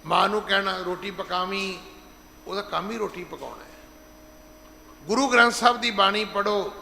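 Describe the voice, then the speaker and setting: Middle-aged male preacher, bright gravelly voice, emphatic sermon, echoey hall with long reverb. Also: sits high, slight background noise. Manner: emphatic, slows down to stress scripture, acts out quoted speech. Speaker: head granthi preacher. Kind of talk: gurdwara sermon. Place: large gurdwara hall.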